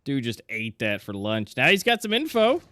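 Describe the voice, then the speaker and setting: A man's voice: medium pitch, wildly swooping pitch, moderate pace, bright, forceful tone, a little hiss or hum. A man commentating an esports match live, casual and exclamatory, mixing reactions with conversational analysis. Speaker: esports caster.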